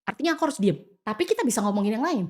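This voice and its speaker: Rapid-fire and a little high, an Indonesian woman guests on a podcast to give easygoing advice. She's animated throughout, dramatizing quoted dialogue and mixing in English expressions.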